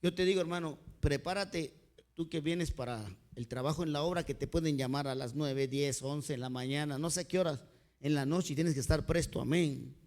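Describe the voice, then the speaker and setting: A man's voice: fairly high pitch, normal speed. A male pastor with a Mexican accent, preaching a sermon through heartfelt personal stories. He keeps calling his listeners "brother" as he builds each point. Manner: earnest storytelling, often addressing listeners as "hermanito"; dynamic delivery, sudden swings in loudness.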